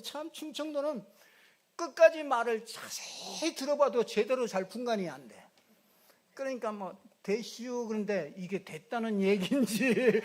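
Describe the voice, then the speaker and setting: High-voiced pastor preaching with jokes. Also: male voice. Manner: conversational and joking, repeats fillers, mimics regional speech. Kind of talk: sermon. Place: church sanctuary.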